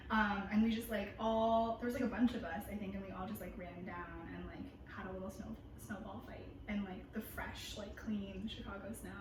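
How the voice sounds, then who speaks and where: A woman in her twenties leads a relaxed chat among friends. She sounds bubbly and laughs often, with plenty of fillers. Her voice comes from some distance in a strongly echoing room with clear background noise. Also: mid-range voice. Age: 20s. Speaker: host. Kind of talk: casual chat. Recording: echoey room, mic far off, noisy.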